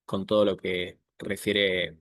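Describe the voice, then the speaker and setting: A man in his thirties with an Argentine accent speaks in a low, unhurried voice, filling his pauses with soft hesitations. The sound is dry and close, as on a video call. He talks casually, like a guest starting an online class. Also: dry recording. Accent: Argentine Spanish. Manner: relaxed, many filler "eh" pauses. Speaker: guest speaker, software architect.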